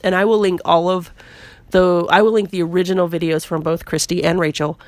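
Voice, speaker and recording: A woman with a cold and a squeaky voice, narrating her scrapbooking video in a chatty, self-deprecating way with lots of fillers. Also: level tone, a little fast, no room sound. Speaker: scrapbooking vlogger. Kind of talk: casual voice-over narration.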